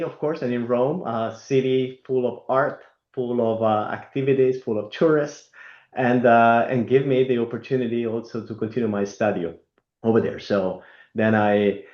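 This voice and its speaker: A man from Italy, speaking as an interview guest in a halting way with many fillers and restarts. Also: mid-range voice. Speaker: guest, company executive. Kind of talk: conversational interview. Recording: roomy, dull lo-fi remote audio.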